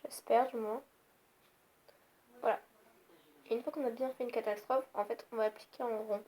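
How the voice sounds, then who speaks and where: A woman's voice: on the high side, fairly even intonation, moderate pace, dark tone. A young woman giving a casual, rambling makeup tutorial at home, easily annoyed. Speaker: beauty vlogger. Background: faint noise of passing cars.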